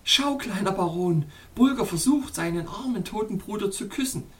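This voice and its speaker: A man doing a high, eager girl princess. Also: moderate pace. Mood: teasing. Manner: bright, excited, high-pitched calls. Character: young girl princess, eager and tender-hearted.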